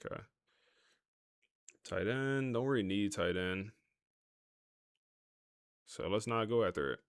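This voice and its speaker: Speaking slowly in a clear, resonant voice on the low side, a man keeps up casual commentary on his gaming livestream. He's relaxed and chatty with his viewers as he plays, and the recording is dry.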